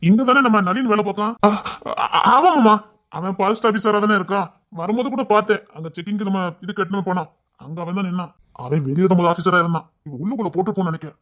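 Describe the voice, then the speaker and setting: A young husband who jokes and teases his in-laws at a quick clip, as a man acts him out. He talks. The recording sounds dull and muffled. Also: high voice, a bit bright. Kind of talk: audio drama acting.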